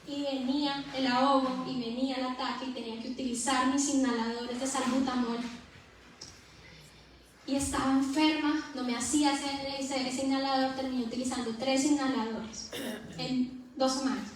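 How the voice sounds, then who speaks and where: A woman preaching a personal testimony in a church, fervent and rising to loud exhortation. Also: high voice, flat delivery, moderate pace, slight background noise. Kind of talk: impassioned sermon testimony. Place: church sanctuary. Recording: very echoey hall, distant mic.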